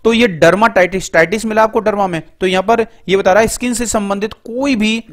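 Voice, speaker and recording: A middle-aged man teaching English vocabulary through word roots in a Hindi lecture, explaining step by step and reading English definitions out slowly. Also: sits high, steady tone. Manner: explains word roots step by step, often says "ठीक है" and "दोस्तों".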